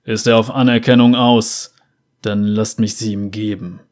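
A male narrator gives voice to an ancient jackal demigod in a spoken fantasy story. The voice sits lower than the narration and stays grave and restrained, heavy with age. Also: little pitch movement, measured pace, a little mellow, natural voice.

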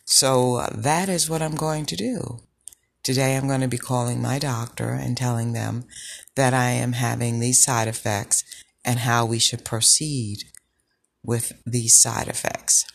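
A woman with a low, sultry voice hosting a personal podcast, speaking in a deliberate, reflective way with pauses. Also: steady tone, vocal fry, dry recording. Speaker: podcast host. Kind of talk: personal health podcast monologue.

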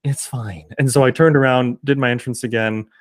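A man's voice: medium pitch, fairly even intonation, a little fast, dry recording. Earnest Canadian man, dry close sound. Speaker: guest, actor and singer. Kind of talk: reflective conversational interview.

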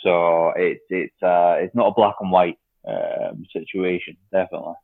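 A man's voice: deep voice, fairly even intonation, moderate pace, vocal fry, no echo. A man, chatting casually and hesitantly, with frequent fillers and restarts. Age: 20s. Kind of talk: casual conversation. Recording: tinny phone-like line.

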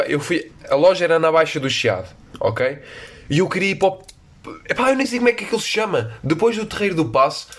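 Young man, European Portuguese accent, slightly high voice; rambling self-mocking comic storyteller. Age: young adult. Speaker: podcast host.

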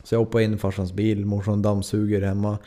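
A man's voice: on the low side, level tone, dark tone. A man in his twenties from Sweden, a podcast host telling a story in a loose, rambling way, full of fillers and swearing. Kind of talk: casual storytelling.

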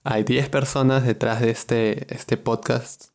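A man's voice: mid-range voice, level tone, slow, gravelly. Man, twenties, Peruvian Spanish accent, podcast host, casual chat, laughs easily. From Peru. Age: 20s.

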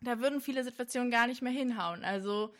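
A woman's voice: fairly high pitch, fast talker. A young woman hosting a podcast on the voice, talking straight to the listener in an earnest, searching way. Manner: earnest, searching, with fillers like "also" and "ja". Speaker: podcast host and voice coach. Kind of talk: casual talk to the listener.

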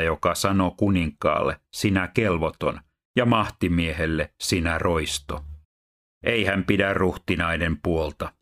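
Deep-voiced man reading scripture. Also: fairly bright tone. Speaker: Bible reader and teacher.

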